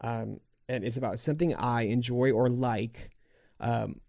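Podcast co-host, male, mellow dry voice, loose rambling delivery. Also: mid-range voice, steady tone, a little slow, creaky, no echo. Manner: rambling, full of fillers and restarts. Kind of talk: casual chat.

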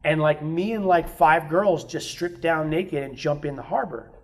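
In a voice on the high side and at a moderate pace, a man appearing as a guest musician on a podcast shares candid stories from his past in casual talk. He's blunt, swears freely, and imitates the voices of people he quotes.

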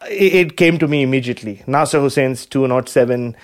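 A man's voice: mid-range voice, brisk. A man with an Indian accent co-hosting a casual podcast, rambling hesitantly and playfully. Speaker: podcast co-host. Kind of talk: casual chat.

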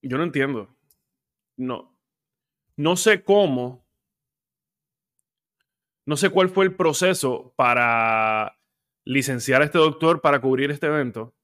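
A man's voice: medium pitch, slow, long pauses, fairly bright tone. A man hosting a sports podcast, talking casually and breaking into heated rants with plenty of fillers. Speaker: podcast host.

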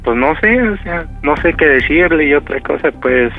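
A man's voice: on the high side, lively intonation, normal speed, creaky, narrow, tinny audio, soft background music. A man in his early thirties with a Mexican accent, chatting casually and hesitantly as a radio caller. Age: early 30s. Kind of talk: casual phone chat.

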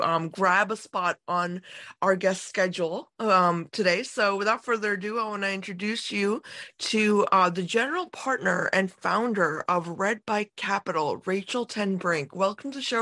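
A woman's voice: medium pitch, bright, forceful tone. A woman hosting a skincare podcast in a casual, chatty way, full of "you know" and "like" fillers. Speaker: podcast host. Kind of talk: casual interview chat.

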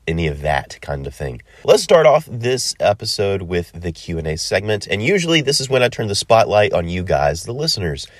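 A deep-voiced man, stuffy from a cold, hosts a solo podcast in a casual, rambling manner peppered with ums and uhs. The recording is dry.

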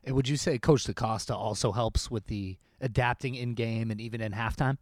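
A man with a mid-pitched voice chats casually as a podcast co-host. He is in a locker room, with a dry sound that carries little echo. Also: steady tone, brisk. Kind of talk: casual chat. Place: indoors in a team locker room.

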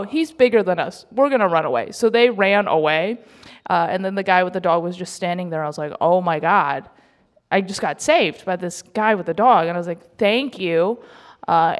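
Chatty young woman comedian telling a story. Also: on the low side. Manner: chatty, self-mocking, laughs through lines. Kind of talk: live storytelling on stage. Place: live event in a club.

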